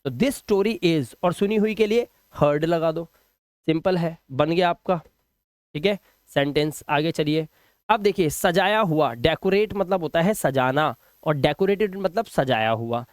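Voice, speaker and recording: High-voiced man teaching English. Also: dry recording, studio quality. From India. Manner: explains slowly, repeats each word and asks "ठीक है?". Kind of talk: spoken English lesson in Hindi.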